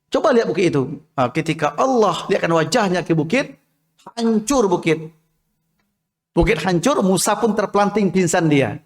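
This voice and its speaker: Man preaching in a reverberant mosque hall. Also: sits high. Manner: storytelling, often asks the women in the audience questions. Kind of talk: mosque study sermon.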